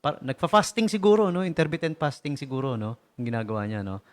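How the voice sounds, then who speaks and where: Lively, joking male radio DJ. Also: medium pitch, fast talker. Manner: animated and joking, laughs often, fires rhetorical questions at listeners. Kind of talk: casual radio talk. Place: radio station studio.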